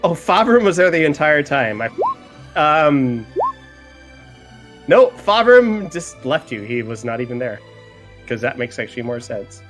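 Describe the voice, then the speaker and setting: A man improvising as a tabletop game master in a casual way, halting and repeating words as he goes. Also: a little high, big pitch swings, over music.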